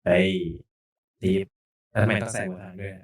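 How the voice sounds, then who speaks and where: A man's voice: deep voice, little pitch movement, fairly quick. A man hosting a podcast, chatting casually and informally in a joking way. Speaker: podcast host. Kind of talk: casual podcast chat introducing a channel.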